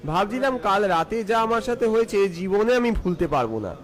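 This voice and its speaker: High-pitched, animated male ghost story narrator. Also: normal speed. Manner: theatrical, suspenseful. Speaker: first-person storyteller.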